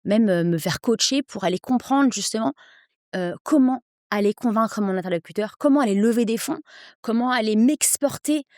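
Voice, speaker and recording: A woman in her thirties, an English coach, speaking persuasively as a podcast guest, with energetic quick bursts. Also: a little high, no room sound, clean studio sound. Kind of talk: podcast interview.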